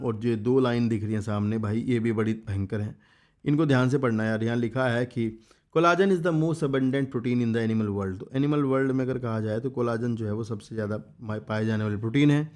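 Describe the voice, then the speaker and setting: A biology teacher with a darkish, medium-pitched voice speaks at normal speed in a laid-back exam review. He reads the textbook in English, explains it in Hindi, and pushes students to remember the important points.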